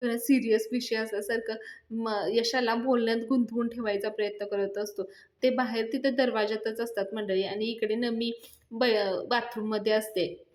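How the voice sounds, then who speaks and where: Animated woman retelling a serial, roomy echo. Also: normal speed. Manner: lively storyteller, voicing each character's lines with raised pitch. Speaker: serial episode reviewer. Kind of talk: retelling a TV serial episode with acted quotes.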